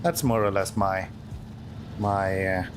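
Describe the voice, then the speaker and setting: Low-pitched and taking his time, a Swedish man whose native tongue is Swedish talks casually and sarcastically, mocking himself as he streams a driving game. His accent is Swedish, and background noise can be heard.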